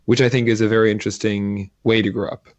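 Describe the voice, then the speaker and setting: A middle-aged man from Sweden, a guest entrepreneur talking in a casual interview, halting and restarting often with many fillers. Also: on the low side, little pitch movement, no echo, highs cut off.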